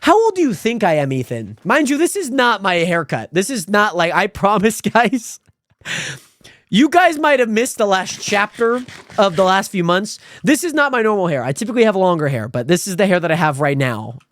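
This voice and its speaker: A man's voice: normal speed, no room sound. A man in his twenties from the Pacific Northwest, streaming and chatting casually with viewers in a rambling, friendly way. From Spokane, Washington. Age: 20s. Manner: rambling, friendly, animated with sudden high pitch jumps. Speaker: livestreamer. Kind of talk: casual stream chat reading viewer comments.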